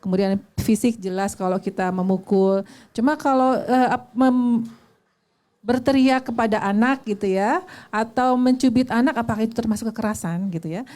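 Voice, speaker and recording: A woman moderates a discussion, reading out questions and passing them to the panel. She hesitates often and fills the gaps, her voice fairly high. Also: moderate pace, a little mellow. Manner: hesitant, many fillers.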